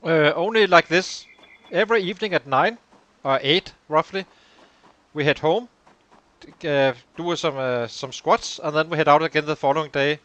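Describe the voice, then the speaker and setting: A man's voice: on the high side, normal speed, fairly bright tone, dry recording. A man hosting a let's play, thinking aloud as he works through the numbers behind his progress. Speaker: gaming channel host.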